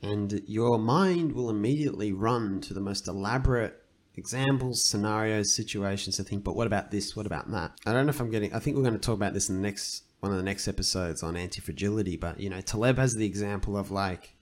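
A podcast co-host with a lowish voice talks a little fast in this casual chat, thinking aloud and retelling stories in a loose, rambling way.

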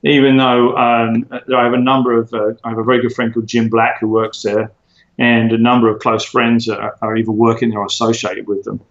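A man talks through his answers in a measured, explanatory way, pausing often on ums and restarting phrases. His voice sits at a middling pitch. The recording sounds roomy and a bit dull. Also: monotone. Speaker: interview guest, former tech executive. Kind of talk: conversational interview.

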